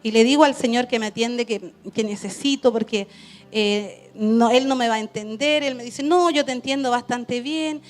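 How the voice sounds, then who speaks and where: Woman telling an animated church testimony. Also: on the high side, moderate pace, faint music behind. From Chile. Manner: animated storytelling with laughter and acted quotes. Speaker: missionary.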